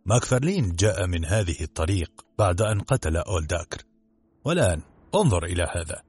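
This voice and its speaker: A boastful, overconfident police inspector from a storybook, voiced by a man. His low, husky voice rises and falls with lively self-satisfaction. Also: fast talker, heavily acted. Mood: smug. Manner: smug, overconfident.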